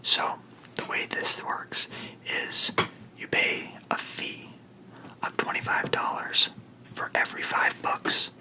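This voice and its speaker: Slow, soft library whisper, whispered role-play. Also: poor audio. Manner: slow, polite, reassuring customer-service talk. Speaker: book club librarian helping a customer, role-played.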